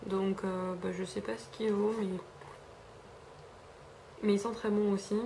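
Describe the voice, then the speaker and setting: A woman's voice: mid-range voice, little pitch movement, measured pace, gravelly, background noise. A young French woman rambling casually through a beauty haul, chatty with lots of fillers and self-corrections, filmed at home on a camera mic. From France. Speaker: beauty vlogger. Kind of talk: casual haul review chat.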